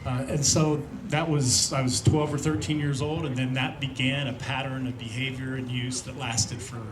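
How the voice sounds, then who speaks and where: A man in his fifties from Indiana gives an earnest, reflective personal testimony at a church event, pausing often on fillers. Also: medium pitch, little pitch movement. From Indiana, USA. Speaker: speaker sharing a recovery testimony. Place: large room at a church event with an audience. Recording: roomy hall with audience noise.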